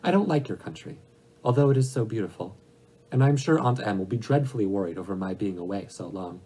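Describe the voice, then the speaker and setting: A man's voice: fairly low pitch, lively intonation, fast talker, warm tone, husky, poor audio. A man voicing a small, meek young girl who speaks in an earnest, simple, pleading manner.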